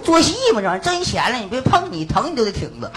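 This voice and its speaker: A man's voice: very high-pitched, wildly swooping pitch, rapid-fire. A man with a Northeastern Chinese accent performing folk opera, trading crude jokes and wailing sung pleas. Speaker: errenzhuan stage performer. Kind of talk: folk opera singing and bawdy comic banter. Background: loud folk instrumental music.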